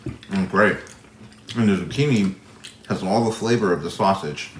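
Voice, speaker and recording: A man co-hosting a casual chat over a meal, relaxed and easygoing. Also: sits low, moderate pace, distant mic. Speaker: co-host. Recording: echoey room, noisy.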